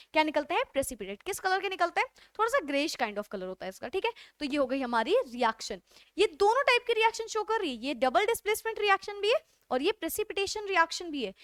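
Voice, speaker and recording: High-voiced woman teaching chemistry. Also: a bit bright, dry recording, clean studio sound. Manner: explains step by step, keeps asking the class questions and answering them; reads English textbook lines slowly. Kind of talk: classroom lecture mixing Hindi and English.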